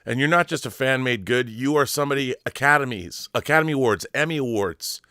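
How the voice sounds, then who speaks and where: Brisk, pushed and bright, this American man's mid-range voice carries a showman's intro into a relaxed interview with a fan, all delivered in an effusive, theatrical style as talk show host. The recording is dry and studio quality.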